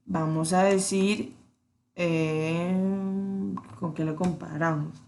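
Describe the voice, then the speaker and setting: A woman's voice: on the low side, fairly even intonation, a little mellow, slight background noise. Patient woman teaching grammar. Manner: patient, checks in with "¿cierto?" often; slows down to spell out English examples. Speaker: English teacher. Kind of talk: explaining a grammar lesson.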